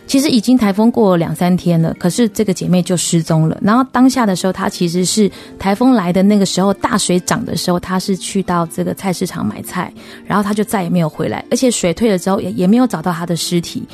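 A woman's voice: lowish voice, darkish tone, soft background music. Earnest woman funeral director. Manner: earnest, emotional, halting with fillers. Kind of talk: personal storytelling in a radio interview.

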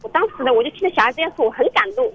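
A woman's voice: high voice, animated, very fast, slightly rough. A woman calling in to a radio counseling show, telling her story in an earnest, rambling way with many restarts, heard over a phone line. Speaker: caller. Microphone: telephone.

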